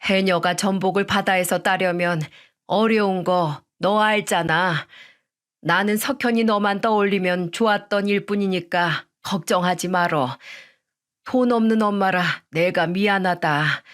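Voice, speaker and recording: A tough, fierce sea-diver mother, as a woman storyteller voices her, scolding in a raised, forceful voice. Mostly the storyteller's own voice, pushed louder. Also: medium pitch, fairly even intonation, a little slow, close to an everyday voice. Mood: tender. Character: fierce middle-aged widowed diver mother.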